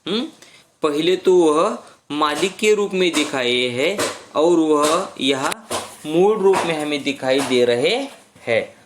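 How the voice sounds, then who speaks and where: A man teaching a story lesson who explains slowly and checks in with "hmm?". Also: a little high.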